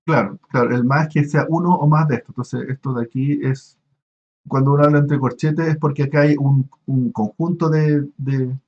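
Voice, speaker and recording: A university lecturer teaches an online class, explaining things step by step in a halting way full of fillers and restarts, and he asks his students questions. His voice is medium-pitched, steady, and darkish, captured on lo-fi audio.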